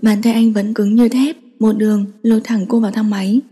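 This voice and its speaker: A woman narrating an audiobook romance in a steady storytelling manner. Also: on the high side, fairly quick, slightly rough. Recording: long hall reverb.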